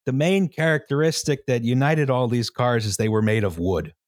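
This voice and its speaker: A podcast host presents history in a casual chat, his medium-pitched voice at normal speed in a dry recording with no room sound. He explains at length, uses many fillers, and tags lines with "right?"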